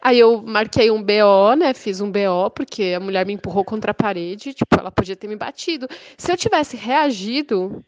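A woman's voice: medium pitch, normal speed, hardly any pauses, dry recording. A young woman, a building manager, telling a story casually and acting out each quote. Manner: animated, acts out the quotes.

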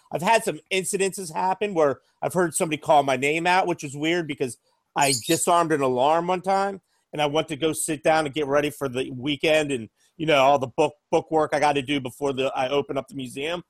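A man's voice: a little high, dry recording. An American man co-hosting a casual podcast chat who rambles and says "you know" a lot. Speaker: podcast co-host.

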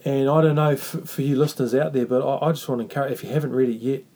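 A man with a New Zealand Māori accent hosting a reflective faith talk, speaking earnestly and haltingly with repeated phrases. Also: mid-range voice, fairly even intonation, mellow. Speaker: podcast host.

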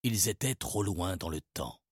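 Husky male narrator for a children's storybook; animated, expressive delivery, dry recording. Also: sits low, normal speed, no echo. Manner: lively, expressive reading. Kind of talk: storybook reading.

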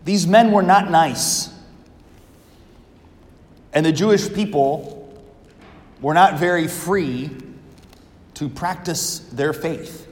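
A man serving as priest, reading the Gospel and preaching a homily in a slow, measured, earnest way, his voice ringing through a large church. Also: a little high. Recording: long echoing church reverb.

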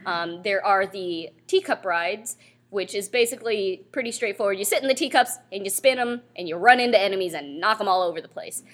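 A woman's voice: medium pitch, a little fast. A young woman co-hosting a podcast live at a convention panel, chatting casually and rambling with many fillers. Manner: rambling, with frequent fillers and laughs. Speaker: podcast co-host. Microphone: handheld mic.

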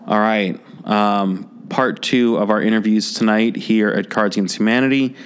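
A man hosting a podcast interview, chatty and relaxed with dry sarcasm. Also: on the low side, moderate pace, smooth. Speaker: podcast host; college instructor. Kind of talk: casual interview. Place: office space during an event.

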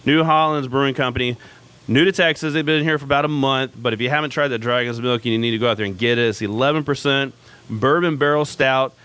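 Male radio host, chatty and self-deprecating, bright crisp voice, live at a pub. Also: medium pitch, quick pace. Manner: chatty, self-mocking, frequent fillers. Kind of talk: casual live radio talk.

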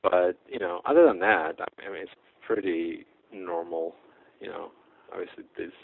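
Speaking at a normal speed in a low-pitched, creaky and slightly rough voice, this Czech guest hesitates a lot, full of fillers and restarts. He's a middle-aged blacksmith in a casual interview, and the recording has a tinny, phone-like quality.

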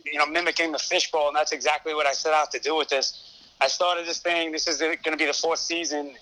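A man's voice: a little high, bright, forceful tone, poor audio. A man from Brooklyn with a thick Brooklyn accent, answering conversationally as a guest on a podcast. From Brooklyn, New York. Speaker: podcast guest, fantasy sports show host.

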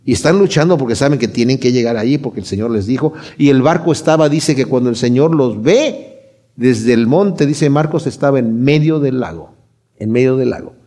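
A man preaching a sermon, animated, swinging between loud and hushed, acting out quoted voices as he retells. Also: mid-range voice, moderate pace. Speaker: pastor.

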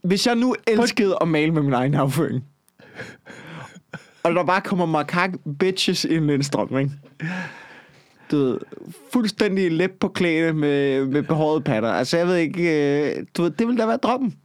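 A man's voice: on the high side, expressive, dry recording. A man in casual chat, rambling and joking crudely with lots of filler tags.

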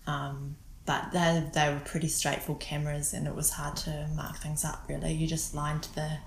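A woman with a New Zealand accent, talking casually in an interview, relaxed and hesitant with many ums and restarts. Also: low-pitched, moderate pace, gravelly, echoey room, slight background noise, poor audio. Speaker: guest photographer.

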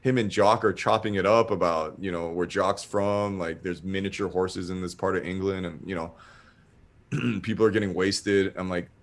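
A man's voice: sits low, moderate pace. Rambling, profane man telling a story. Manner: rambling, profane, animated retelling with acted-out quotes. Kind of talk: casual storytelling.

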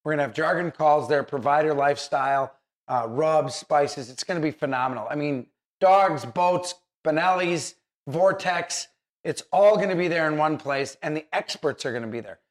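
A man's voice: a little high, moderate pace. A man hosting a casual how-to interview in an encouraging manner. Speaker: host.

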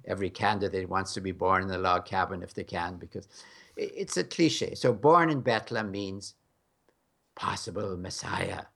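Gravelly and low-pitched yet a bit bright, an American man talks at normal speed as a guest scholar in a conversational interview. His manner is candid and emphatic, tinged with wryness.

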